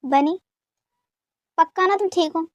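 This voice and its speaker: A woman voicing a concerned mother who probes gently. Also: very high-pitched, slow, dry recording. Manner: gently probing.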